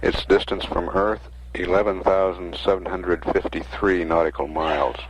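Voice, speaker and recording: An American man giving measured, matter-of-fact mission status commentary as a mission control announcer. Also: deep voice, steady tone. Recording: faintly noisy 1960s archive broadcast audio.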